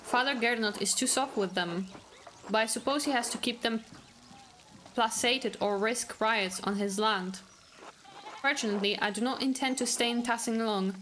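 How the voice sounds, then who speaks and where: A woman's voice: on the high side, normal speed, a bit bright, a little hiss or hum, lightly acted. A woman voicing an arrogant, condescending male village doctor from a video game, reading his lines aloud in a haughty tone. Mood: disdainful.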